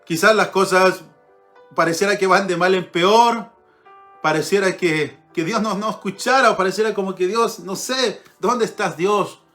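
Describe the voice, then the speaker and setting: Male preacher, sermon, high voice, earnest and repetitive, faint music behind. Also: normal speed, fairly bright tone. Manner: earnest, repeats phrases for emphasis, reads scripture aloud.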